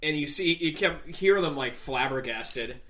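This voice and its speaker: A man's voice: on the high side, animated, measured pace, bright, forceful tone, a little hiss or hum. A man casually narrating a tabletop role-playing game as game master.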